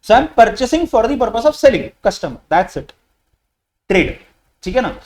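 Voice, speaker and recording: A man's voice: extremely high pitch, sing-song, takes it slowly, a little mellow. A male lecturer teaching a live online class, quizzing students with rhetorical questions and repeating key points. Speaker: GST lecturer. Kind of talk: live online lecture in Hindi-English mix.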